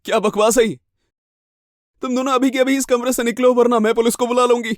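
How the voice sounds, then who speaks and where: A man voicing a frightened but defiant young woman, shaky and urgent, in an animated horror story. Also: very high-pitched, brisk, no room sound, clean studio sound, pitched above the performer's own voice.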